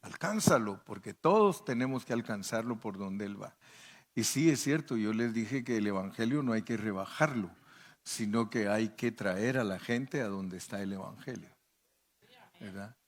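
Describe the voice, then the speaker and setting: A man's voice: lowish voice, animated, moderate pace. An older man preaching a sermon as pastor, telling folksy stories and acting out the people he quotes. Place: church.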